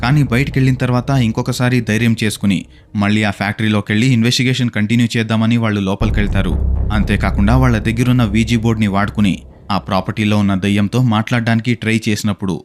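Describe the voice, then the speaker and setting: A man reading scripted narration for a ghost video compilation, in brisk, steady storytelling that now and then asks the viewers questions. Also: fairly low pitch.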